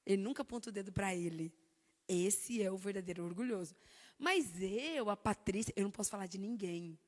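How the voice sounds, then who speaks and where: A woman with a Brazilian Portuguese accent giving an animated, emphatic talk on stage, sharing her own story. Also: medium pitch, brisk. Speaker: speaker sharing testimony. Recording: long hall reverb.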